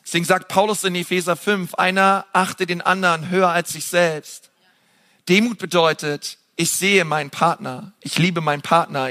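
A man preaching with a high, bright voice. He gets animated and climbs higher to stress his points, with some fillers between them. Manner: animated, rising in pitch for emphasis, with fillers. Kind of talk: sermon.

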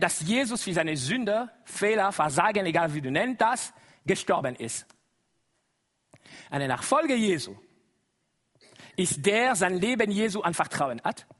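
Preaching to a congregation as a guest, this middle-aged man from Congo speaks with a Congolese accent; Lingala is his first language. His high, fairly bright voice swings widely in pitch, unhurried and marked by long pauses, with frequent exclamations and laughter.

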